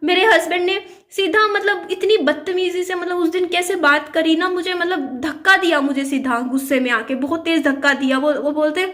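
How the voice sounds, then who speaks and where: Young woman, high voice, earnest personal storytelling, frequent fillers and restarts. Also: steady tone, moderate pace, few pauses, fairly bright tone. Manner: earnest, repeats herself, many fillers. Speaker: vlogger.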